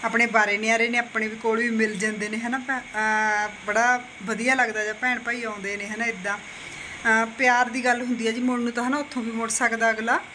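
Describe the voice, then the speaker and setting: A woman in her forties with a Punjabi accent chats casually at home, holding her phone camera at arm's length for a vlog. Her voice is on the high side and fairly quick but flat in delivery, and she keeps adding tag questions. Background noise is audible indoors.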